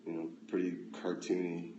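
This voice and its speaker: An American man hosting a casual phone livestream at home, reading out comments with relaxed, dry, offhand replies. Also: sits low, moderate pace, highs cut off, background noise. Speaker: livestream host. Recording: echoey room, faint ambience.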